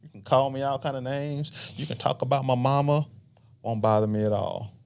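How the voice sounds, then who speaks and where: A middle-aged man, a marriage counselor on a podcast, explaining in a relaxed, talkative way and acting out couples' lines. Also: medium pitch, moderate pace, creaky, clean tone. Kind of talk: casual podcast conversation.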